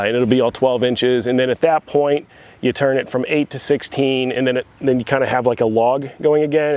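A man in his thirties casually explaining a woodworking build outdoors in a rural yard, relaxed and full of fillers. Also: medium pitch, slight background noise. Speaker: woodworking YouTuber.

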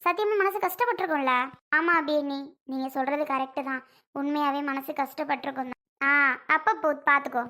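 Woman playing a soft apologetic young wife. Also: high voice, brisk. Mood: conciliatory.

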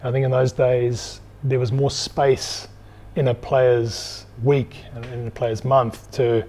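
Mellow, measured man from South Africa. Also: medium pitch, little pitch movement. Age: 30s. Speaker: interview guest, former professional rugby player. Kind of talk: reflective conversational interview. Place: indoors in an empty bar. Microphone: clip-on lapel mic.

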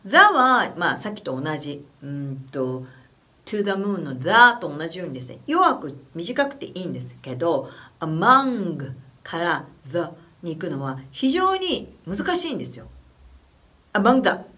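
Woman voice coach from Japan, casual lesson talk, animated and expressive. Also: on the low side. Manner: chatty, animated, demonstrates phrases slowly. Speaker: vocal coach. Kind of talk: casual spoken singing lesson.

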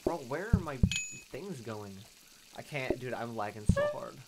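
Hyped gamer-bro guy with swooping pitch. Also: sing-song, normal speed, very noisy. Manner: hyped gamer-bro talk, exaggerated complaining. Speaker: player in a group co-op video game session. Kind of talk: casual gaming banter. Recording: music behind voice.

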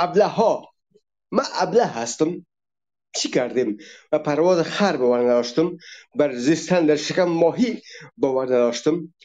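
A man speaks in a fairly high but mellow voice as he delivers an emphatic, impassioned monologue. He speaks straight to his listeners and goes through verses one at a time. The recording is dull and lo-fi. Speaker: religion critic.

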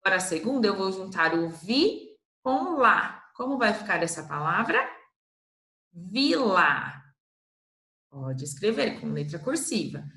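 A woman with a Brazilian Portuguese accent teaching a slow, patient literacy lesson to first graders, stretching out syllables. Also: medium pitch, very animated, bright, forceful tone, reverberant.

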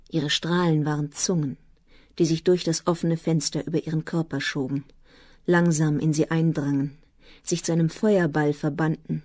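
Low calm female audiobook narrator. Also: dry recording, clean studio sound.

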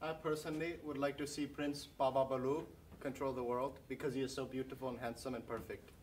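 A woman playing a gushing, devoted designer who fusses over her prince, talking theatrically with squealing high leaps. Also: level tone, fairly quick, darkish tone, slight background noise. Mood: adoring. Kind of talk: improvised comedy skit.

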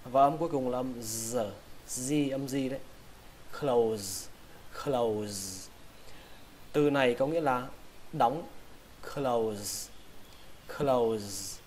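A man teaching English words in a slow lesson, sounding out each part of a word and saying every word twice. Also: medium pitch, steady tone, darkish tone, a little hiss or hum. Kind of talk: slow vocabulary lesson for Vietnamese learners.

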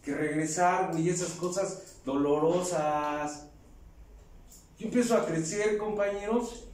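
A man with a Mexican accent giving an emotional personal testimony at a recovery group meeting, speaking straight to the group. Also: sits high. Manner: impassioned, addresses the group directly as "compañeros" and "güey". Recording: very echoey hall, voice heard from far off.

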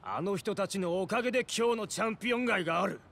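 A man playing a defiant, desperate back-alley resident in a video game drama, with rough, agitated street speech. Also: sits high, quick pace, fairly bright tone, full character voice. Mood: guarded. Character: defiant, desperate male downtown slum resident.

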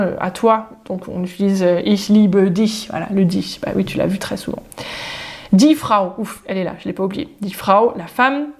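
A woman giving a casual, spontaneous spoken lesson, chatting informally with the viewer and slowing down to say German example phrases. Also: mid-range voice, darkish tone. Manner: addresses the viewer informally, jokes. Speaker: German teacher.

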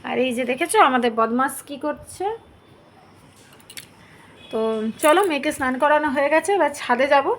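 A woman's voice: sits high, moderate pace, long pauses, slight background noise. A young woman chatting casually in a home vlog, talking straight to her viewers. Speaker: vlogger.

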